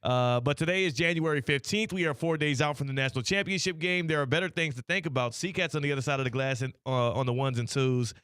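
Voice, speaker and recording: A man's voice: fairly high pitch, fast talker, few pauses, a bit bright, clean tone, no room sound. An American man hosting casual radio chat, his speech a little slurred, with a mouth half numb from the dentist. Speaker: sports radio show host. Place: radio studio.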